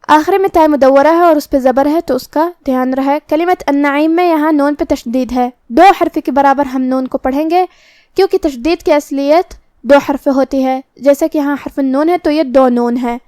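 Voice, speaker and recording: A woman teaching Quran recitation, explaining each letter's articulation methodically and reciting verses slowly. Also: high voice, a little mellow, dry recording, clean studio sound. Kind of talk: recorded tajweed lesson.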